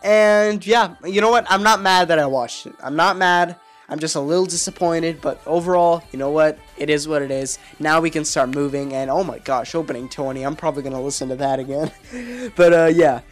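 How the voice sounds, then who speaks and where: A man reviewing an anime episode in a casual video, his voice hoarse from being sick, rambling with lots of fillers and restarts. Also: on the high side, steady tone, fairly quick, fairly bright tone, soft background music. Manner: rambling, filler-heavy, self-correcting.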